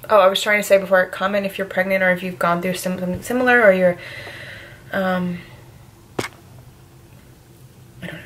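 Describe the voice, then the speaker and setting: A woman's voice: medium pitch, steady tone, fast, fairly bright tone, a little hiss or hum. A young woman vlogging casually to her viewers, rambling with lots of fillers, tired and emotional, sometimes out of breath. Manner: rambling, filler-heavy, frequent "like". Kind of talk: casual vlog to camera.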